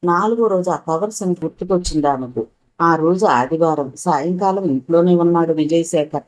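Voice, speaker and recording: A woman narrating a spoken story in a steady, measured reading. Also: lowish voice, low-quality recording.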